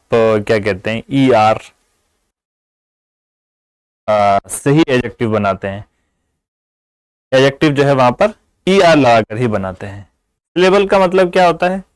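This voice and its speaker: A man giving an English grammar lesson, explaining patiently in Urdu-flavoured Hindi and repeating example words slowly. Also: mid-range voice, clear, resonant tone, dry recording, rough recording. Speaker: English teacher.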